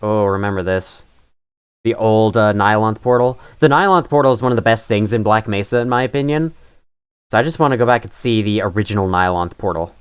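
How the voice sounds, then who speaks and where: A man's voice: fairly low pitch, a little fast, smooth, dry recording. A man giving casual, opinionated reaction commentary as a gaming YouTuber, often griping and chuckling through his remarks.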